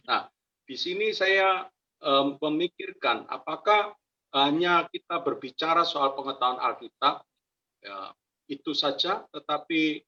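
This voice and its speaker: Polite man with a bright voice. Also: mid-range voice. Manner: polite, hesitant, with fillers and apologies. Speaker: discussion participant. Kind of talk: casual discussion. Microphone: video call. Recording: dull lo-fi call audio.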